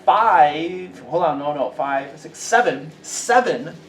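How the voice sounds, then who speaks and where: A man's voice: fairly high pitch, lively intonation, slow pace, fairly bright tone. A man narrating a tabletop game as game master, explaining the scene and checking that listeners follow. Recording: echoey room, distant mic, faint noise.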